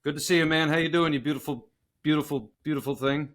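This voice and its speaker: A man in his forties co-hosting a podcast in casual banter, crude and joking and quick to laugh. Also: fairly high pitch, steady tone, a bit bright. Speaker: podcast co-host.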